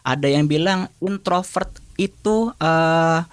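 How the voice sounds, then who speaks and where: A man's voice: a little high, takes it slowly, no echo. A man talking as a public speaking trainer and podcast guest, casually explaining his points with everyday examples and acted snippets of dialogue.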